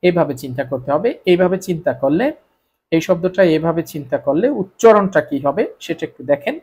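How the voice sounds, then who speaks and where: A man's voice: fairly high pitch, fairly quick, a little mellow, husky. A Bengali-speaking man teaching Korean spelling rules, repeating each point and answering his own questions. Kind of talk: explaining grammar rules to students.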